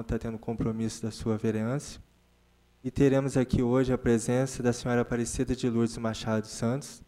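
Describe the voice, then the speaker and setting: Flat, mellow-voiced man chairing a committee. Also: mid-range voice. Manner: formal and measured. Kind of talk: formal meeting chairing. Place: council chamber.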